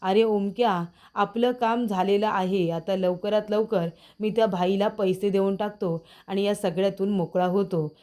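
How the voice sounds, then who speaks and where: A woman voicing a greedy, scheming young man who talks smoothly to get his way. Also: mid-range voice, steady tone, measured pace, few pauses, dark tone, natural voice. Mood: sly, defiant. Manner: smooth, sly.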